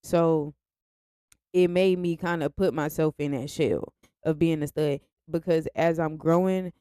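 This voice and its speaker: A woman's voice: low voice, fairly even intonation, unhurried, dark tone, clean tone, no echo, studio quality. A young woman speaking candidly to her viewers in a confessional vlog, frank and direct. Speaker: vlogger. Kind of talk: candid personal vlog monologue.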